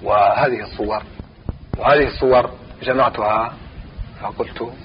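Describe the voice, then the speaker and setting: A man teaching a grammar lesson, reciting verse lines slowly and repeating phrases as he explains each example. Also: mid-range voice, fairly even intonation, dull audio, slight background noise.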